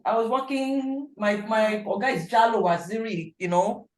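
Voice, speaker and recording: A woman's voice: fairly high pitch, fairly even intonation, moderate pace, darkish tone. A woman, an instructor giving a frank, emphatic motivational talk to her class. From Nigeria. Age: 40s. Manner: emphatic, blunt, repeats for stress. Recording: echoey room.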